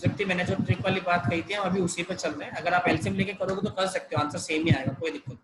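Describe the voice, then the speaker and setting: A man's voice: sits high, fairly even intonation, very fast, heavy background noise. A man teaching a math class over a video call, explaining each step patiently. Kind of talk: online math lesson.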